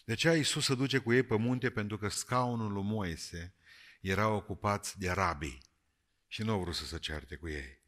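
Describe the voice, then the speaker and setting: A man with a deep but bright, cutting voice preaches a sermon to a congregation. He jokes and teases, rising to loud calls and dropping to quiet, earnest words. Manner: lively, jokey, swings between shouting and quiet.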